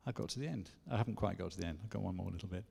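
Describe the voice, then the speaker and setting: Gravelly man speaking in an echoing church. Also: sits low, rapid-fire, a little mellow. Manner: chatty, self-deprecating, full of asides. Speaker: conference speaker. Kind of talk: conference teaching talk. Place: church hall. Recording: long echo of a church hall.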